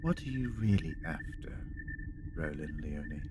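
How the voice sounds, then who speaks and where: A man's voice: rumbling low, very animated, measured pace, full character voice. A man playing a shrewd time-travelling hero in a sci-fi audio drama, knowing and questioning as he confronts others. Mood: shrewd probing. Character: shrewd, probing male time-travelling alien doctor. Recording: noisy home-made recording.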